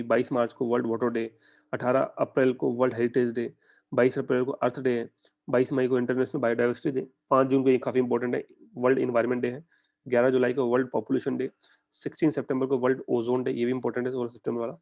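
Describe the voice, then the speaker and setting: Indian guy teaching exam prep, talks quick, chatty, keeps asking the class stuff. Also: medium pitch, darkish tone. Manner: conversational, addresses students directly with quick questions. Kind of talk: online lecture in mixed Hindi and English.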